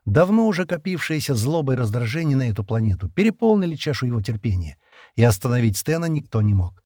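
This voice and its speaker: A man narrates a science fiction audiobook with a dramatic, expressive delivery. His voice is husky and dark with lively swings in pitch, recorded dry and close. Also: fast talker, no room sound. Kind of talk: scripted sci-fi narration.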